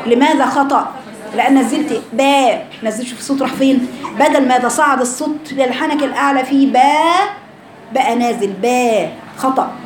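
A woman with an Egyptian accent teaching Quran recitation. She explains the rounded vowel, sounds it out to show it, and quizzes her students. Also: fairly high pitch. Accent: Egyptian Arabic. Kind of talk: Egyptian Arabic lesson with spoken sound demonstrations. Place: recorded class session. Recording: echoey room with background noise.

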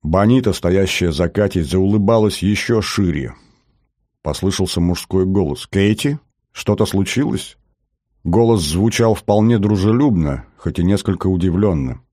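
A male audiobook narrator with a very low, dark voice, reading in a steady, measured first-person style. He is close to the mic in a dry room with no reverb.

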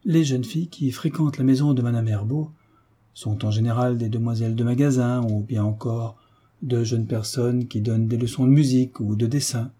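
A man's voice: medium pitch, fairly even intonation, moderate pace, warm tone, breathy edge, close to an everyday voice. Man reading a fawning old governess. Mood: flustered. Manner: fussy, deferential. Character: devoted, fawning older female governess. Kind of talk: audiobook character reading.

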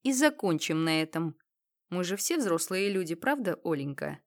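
A cold male thug who snarls blunt threats, as a woman reads him. His speech is flat and menacing. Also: on the low side, normal speed. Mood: mocking calm.

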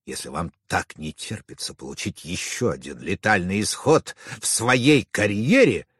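Man playing a spiteful jealous surgeon, sneering, resentful, lively pitch, dry recording. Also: a little slow, breathy edge, no room sound, exaggerated voice.

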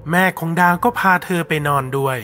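A man narrating a ghost story in a steady, measured way. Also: soft background music.

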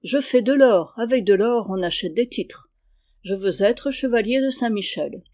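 A reader voicing an arrogant armored count in an audiobook, speaking calmly and with quiet menace. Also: mid-range voice, close to an everyday voice. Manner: calm, measured, quietly threatening. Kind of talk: audiobook character reading.

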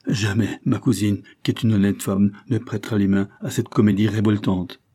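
A man reading an audiobook, voicing a frightened, harried woman in a soft, faltering way. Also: lowish voice, flat delivery, moderate pace, close to an everyday voice. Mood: indignant.

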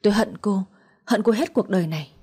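A woman voicing a cold, vengeful husband who speaks harshly and with scorn, in a soft, somewhat breathy voice. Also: mid-range voice, a little fast, lightly acted. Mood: furious. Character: cold, vengeful husband, a man in his thirties.

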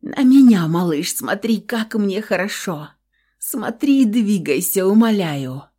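A woman voicing a young woman who speaks softly and breathily, pleading. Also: mid-range voice, lively intonation, unhurried, husky.

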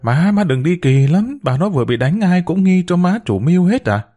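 A man's voice: sits high, very animated, normal speed, warm tone, voice pushed up. A man voicing a young woman who begs her mother not to go. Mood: pleading. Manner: pleading, urgent. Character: young woman, pleading elder daughter.

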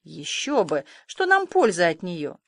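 A woman reading an audiobook and voicing a stern, strict older farm woman who speaks in a sharp, scolding, decisive way. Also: on the low side, huge pitch swings, measured pace, creaky, no echo, heavily acted.

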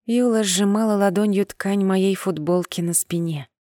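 A woman narrates a first-person novel in a measured, steady voice, at a middle pitch for a woman. The recording is close and dry, with no room sound around it. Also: no room sound. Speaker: audiobook narrator.

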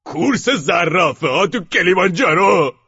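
An eccentric, wine-soaked male friend rambling odd fancies in a raised, bright, husky voice, as a man puts him on for an audiobook. The recording sounds dull and lo-fi. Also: exaggerated voice. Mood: shouting excitedly. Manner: whimsical, excitable, raises voice higher than the narrator.

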